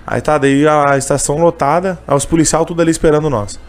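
Guy talking fast, kinda high voice, emotional story, lots of fillers. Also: fairly even intonation. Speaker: interviewee, candy seller who sings on trains. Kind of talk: casual storytelling.

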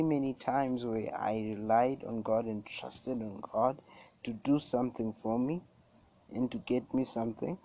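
A man's voice: medium pitch, warm tone. A young man with a Namibian accent chatting casually and earnestly as a podcast host, repeating phrases for emphasis, recorded on a cell phone. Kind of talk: casual religious podcast chat.

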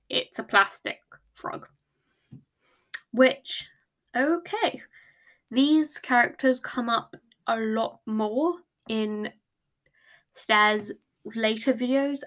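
A woman hosting a casual true-crime podcast. She rambles loosely, corrects herself often and swears freely. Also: on the high side. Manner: loose and rambling, swears freely, laughs at her own reactions. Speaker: podcast host.

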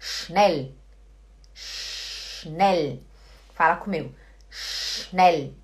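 Woman, language teacher, Portuguese native, unhurried, repeats words patiently. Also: on the low side. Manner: slow, repeats words many times. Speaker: German teacher. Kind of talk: pronunciation lesson.

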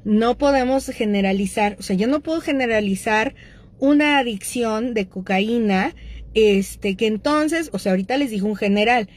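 A middle-aged woman with a Mexican accent and a slightly high voice hosts at normal speed, talking casually and directly to her audience about addictions with frequent fillers.

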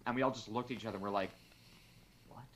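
A man's voice: lowish voice, fast, slight background noise. A man co-hosting a podcast in casual chat, telling a work story with acted-out quotes and plenty of swearing. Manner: animated storyteller who swears freely and acts out quotes. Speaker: podcast co-host.

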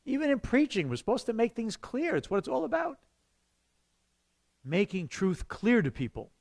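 A man, a pastor teaching an evangelism class to his church in a conversational way, breaking into sudden loud bursts. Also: very high voice, huge pitch swings, normal speed, vocal fry.

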